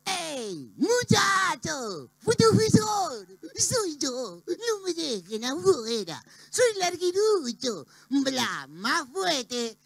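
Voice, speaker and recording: A man voicing a goofy lanky cartoon character who shouts and whines from a distance. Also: extremely high pitch, big pitch swings, drawn-out words, creaky, hardly any pauses, no echo, voice pushed up, heavily acted. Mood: pleading.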